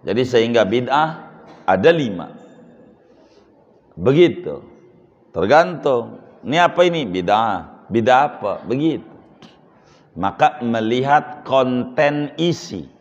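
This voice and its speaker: A man's voice: mid-range voice, animated, slow, long pauses. A male Islamic preacher, giving a religious lecture and teasing the audience with questions. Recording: dull lo-fi sound in a reverberant hall.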